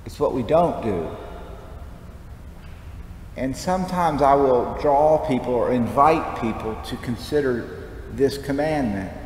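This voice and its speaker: This is a man with a mid-range, slightly mellow voice giving a homily in a conversational preaching style. He stands at the lectern of a large church wearing a headset mic, and the sound carries long reverb and some background noise.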